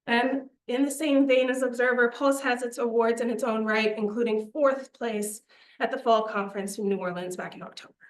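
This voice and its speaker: A woman's voice: fairly high pitch, steady tone, normal speed. A young woman presenting a student media budget to a committee, earnest and persuasive, a little out of breath. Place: meeting room. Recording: echoey meeting room.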